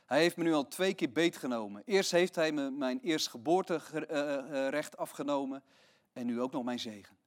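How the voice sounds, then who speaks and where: A man voicing a desperate grown son who begs his father for a blessing in high, drawn-out cries. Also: lightly acted. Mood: bitter.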